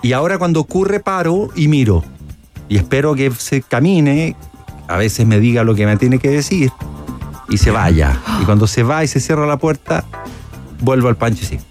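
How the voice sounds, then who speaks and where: A middle-aged man with a Chilean accent, an actor as guest, telling anecdotes in an animated, casual way in a radio studio. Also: mid-range voice, normal speed, faint music behind. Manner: anecdotal storyteller, animated retelling.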